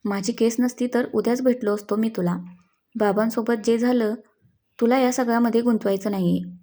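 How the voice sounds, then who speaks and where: Brief: woman doing firm, protective young hero in an audio story, mellow and measured. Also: on the high side, steady tone. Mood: tender. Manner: firm, interrogating, then tender. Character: young man, stern, protective, quietly romantic.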